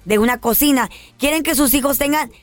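A woman's voice: high-pitched, fairly quick, no echo. Defensive female co-host. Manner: defensive, mixes in English. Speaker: radio show co-host. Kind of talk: casual banter.

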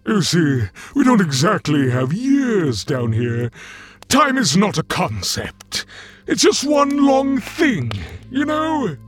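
A man's voice: high-pitched, huge pitch swings, takes it slowly, faint music behind, full character voice. A man playing a chatty, theatrical Satan who hosts hell with gleeful mock courtesy in a comedic audio drama. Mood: airy, condescending. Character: campy, chatty Satan as bureaucratic host of hell.

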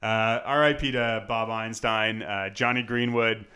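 A man's voice: on the low side, steady tone, measured pace, sharp tone, clean tone. A man co-hosting a podcast in casual chat, with many fillers and restarts. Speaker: podcast co-host.

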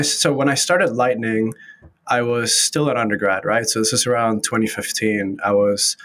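A man's voice: on the low side, a bit bright. A man in his thirties from Venezuela, a startup founder speaking English as a second language, talking casually as an interview guest with many fillers and restarts. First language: Spanish.

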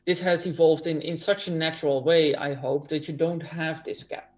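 A man answers interview questions over a video call, and his audio sounds dull and lo-fi. His voice sits slightly high for a man. He speaks earnestly, often repeating a word before he settles into his point. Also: little pitch movement, moderate pace. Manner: earnest, many repeated starts. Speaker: guest. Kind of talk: remote interview.

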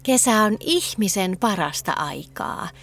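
A woman voicing a cheerful, excitable little girl in a children's story. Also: medium pitch. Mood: dreamy. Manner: bright, eager, squealing delight.

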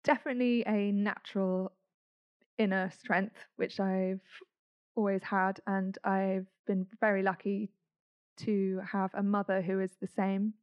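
A woman's voice: medium pitch, little pitch movement, measured pace, clear, resonant tone. A woman, a podcast guest chatting casually and upbeat, laughing often. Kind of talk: casual conversation. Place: indoor room. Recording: dull lo-fi sound.

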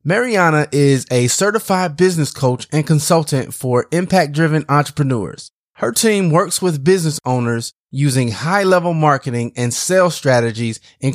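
A man's voice: on the high side, dry recording, studio quality. A man hosting a business podcast, welcoming listeners with energy and interviewing a guest in a casual, upbeat way. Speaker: podcast host.

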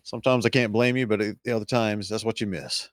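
A man co-hosting a casual podcast, easygoing and quick to laugh, sometimes losing his train of thought. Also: on the low side, steady tone, no echo, studio quality. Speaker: podcast co-host.

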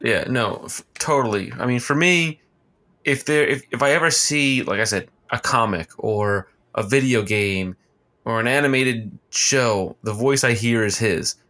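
A man co-hosting a podcast, talking casually with halting restarts. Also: medium pitch, pushed and bright. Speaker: podcast co-host. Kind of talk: casual chat.

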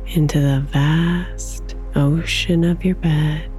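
A woman guiding a sleep meditation in a soft, slow, soothing whisper. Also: low-pitched, fairly even intonation, faint music behind.

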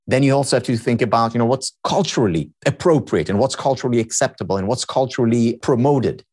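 Speaking quickly in a medium, husky, darkish voice, a podcast guest explains his ideas as a happiness researcher and teacher. Hebrew is his first language, and in this interview he lectures, building every point through repetition.

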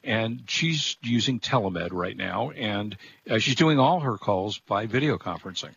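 A man's voice: lowish voice, animated, unhurried, fairly bright tone. A middle-aged or older man co-hosting a talk show, chatting casually in a plain-spoken, rambling way. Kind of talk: casual chat. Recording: dull, noisy lo-fi audio.

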